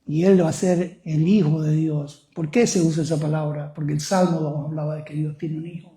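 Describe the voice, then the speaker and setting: A man's voice: a little high, level tone, fairly quick, warm tone, reverberant. A male pastor preaching a sermon, often putting questions to the congregation.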